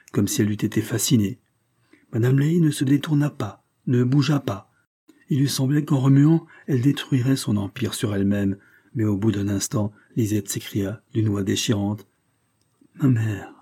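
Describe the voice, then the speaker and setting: A man narrating a classic novel in a calm, measured audiobook reading. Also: lowish voice, husky.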